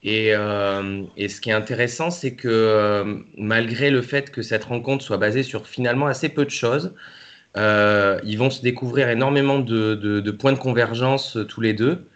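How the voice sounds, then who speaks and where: A man being interviewed as a novel's co-author, speaking haltingly with many fillers and restarts. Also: mid-range voice, fairly even intonation, fairly bright tone, lo-fi sound. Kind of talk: hesitant conversational interview.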